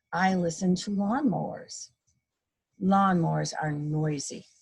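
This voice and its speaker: During a children's story time, a woman who is a guest reader and a mother reads a picture book aloud, acting out sound effects playfully and explaining things in simple, teacherly terms. Her voice is on the low side, gravelly, a little mellow, and breathy at the edges.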